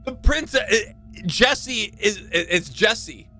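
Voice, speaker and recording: Animated, high-pitched male game streamer. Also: a little slow, soft background music. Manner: playful, reactive, exclamatory. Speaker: live streamer. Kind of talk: casual game commentary.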